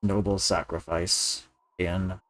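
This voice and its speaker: A man voicing a dutiful, reluctant general in a video game, speaking in a low, hushed, solemn way. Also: flat delivery, takes it slowly, dry recording, poor audio. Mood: grave. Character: grave, dutiful male general, loyal and reluctant. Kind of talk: dramatic video game dialogue reading.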